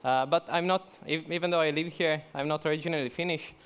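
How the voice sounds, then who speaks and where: A young Italian man gives a joking, chatty talk in a conference hall, full of fillers and restarts. His voice is fairly high, steady, and a bit bright, with a clear, resonant tone and a quick pace.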